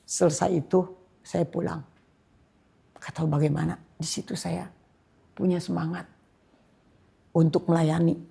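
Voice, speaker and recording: An older woman from Indonesia speaks as a guest pastor, telling her own story with deep feeling. Her voice is very husky and gravelly, low and dark in tone. She drops to soft whispers, then rises to loud outbursts. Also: little pitch movement, unhurried, pauses often. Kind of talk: personal testimony in a church podcast.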